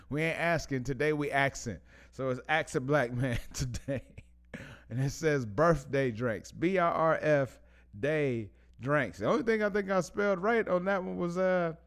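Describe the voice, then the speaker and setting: A man hosting a casual live stream, rambling in relaxed slang, chuckling between phrases and often losing his thread and starting over. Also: mid-range voice, smooth. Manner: rambling, loses track and restarts often.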